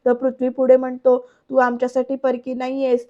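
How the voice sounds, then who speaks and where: A woman's voice: high voice, a little fast, lo-fi sound. A woman with a Marathi accent narrating a voice-over recap of a TV serial, telling the story and speaking straight to her viewers. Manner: lively storytelling, addresses viewers directly. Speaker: serial episode reviewer.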